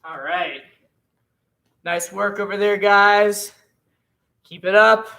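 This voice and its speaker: Upbeat, bright-voiced martial arts instructor. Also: mid-range voice, takes it slowly, distant mic, a little hiss or hum, poor audio. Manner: upbeat, encouraging, gives counts and drill cues. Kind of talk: online class coaching.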